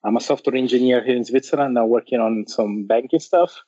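A man from Brazil, a guest on a podcast, speaking casually with many pauses. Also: mid-range voice, warm tone, lo-fi sound. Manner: hesitant, many uhs. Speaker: guest author.

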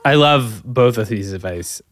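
A man's voice: medium pitch, expressive, unhurried, faint music behind. A man hosting a podcast interview, enthusiastic and effusive with thanks. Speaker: podcast host.

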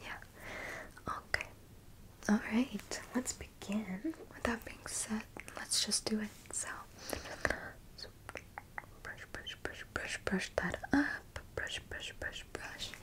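Brief: woman playing a beautician for ASMR, slow, soft close whispers with repeated words. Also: medium pitch, rough recording. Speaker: beautician in a roleplay. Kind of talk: ASMR roleplay.

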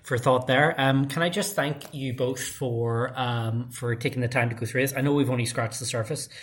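A man hosting a podcast, speaking in a measured way as he moderates. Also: mid-range voice, steady tone. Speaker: podcast host.

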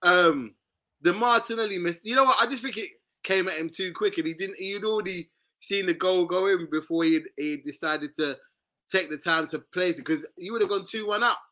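A high-voiced man with a London roadman accent hosts a football chat. His tone is very bright and forceful, and he talks in slangy, repetitive banter. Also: normal speed. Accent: London, urban street slang. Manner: slangy, repeats and cuts in. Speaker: football fan show host.

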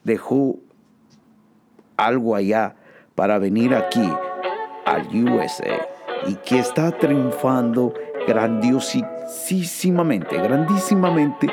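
A man's voice: mid-range voice, lively intonation, takes it slowly, pauses often, over loud music. A man hosting a joking casual monologue, laughing often and dropping slang and English words. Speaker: host.

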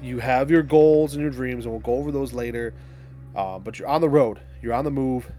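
A man's voice: mid-range voice, fairly quick, dark tone, soft background music. A man running a tabletop game, explaining the setting in a casual, rambling way with fillers. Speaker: game master.

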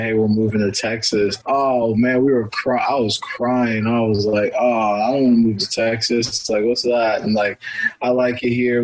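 A young man from the United States, chatting easily as an interview guest, full of "like" and "you know" and quick laughs. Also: mid-range voice, darkish tone, slight background noise, poor audio. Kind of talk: casual interview chat.

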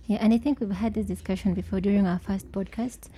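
Woman, Kenyan accent, rapid delivery, very mellow timbre, mid pitch, casual discussion. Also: fairly even intonation, a little hiss or hum. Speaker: podcast panellist.

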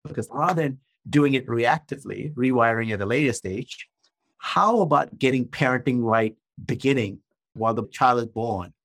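In a dry recording, a medium-pitched, fairly bright male voice belongs to a Malaysian man in his fifties. He's a guest author and coach on a podcast interview, explaining earnestly and asking rhetorical questions.

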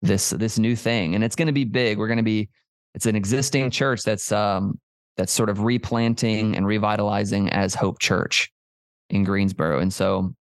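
Man, 30s, podcast co-host, earnest, reflective, gravelly, lowish voice. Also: fairly even intonation, normal speed, no echo. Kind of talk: casual chat.

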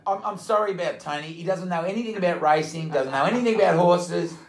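High-voiced blokey Aussie man hosting. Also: quick pace, a crowd in the background. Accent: Australian. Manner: blokey, teasing. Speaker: podcast host. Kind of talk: casual banter. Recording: echoey room.

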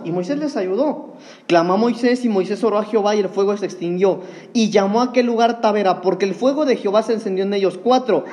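A man's voice: high voice, darkish tone. A man preaching an earnest sermon, addressing the congregation as brothers.

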